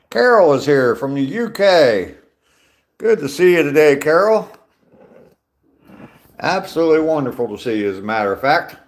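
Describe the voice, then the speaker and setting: With a somewhat high, sing-song voice, a moderate pace, and long pauses, a man in his sixties answers viewer comments on a live stream. He reads them out chattily with dry humor, talking into his phone on an outdoor walk.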